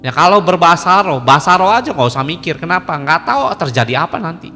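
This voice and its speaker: A man preaching a loose, conversational sermon, joking and acting out little dialogues as he goes. His voice is bright and sharp. It rings with a long hall reverb over faint music behind him. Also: fairly high pitch, animated, fast talker. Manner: colloquial, joking, acts out dialogues. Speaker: pastor. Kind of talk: informal sermon.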